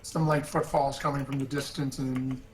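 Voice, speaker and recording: A man running a tabletop game as game master, narrating in a halting way with many fillers and restarts. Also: mid-range voice, level tone, a little hiss or hum, poor audio.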